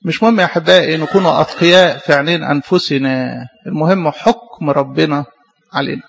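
A man's voice: on the high side, quick pace, creaky, highs cut off. A man with an Egyptian Arabic accent preaching a sermon, asking rhetorical questions and repeating phrases for emphasis.

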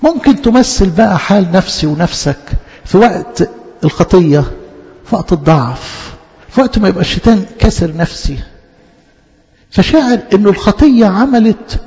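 A man with an Egyptian accent preaches in a chatty, direct way, speaking right to his listeners and repeating key words. His voice is high and gravelly. The recording sounds dull and lo-fi, with a long hall reverb behind him. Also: lively intonation, normal speed, long pauses, a little mellow. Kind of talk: conversational sermon.

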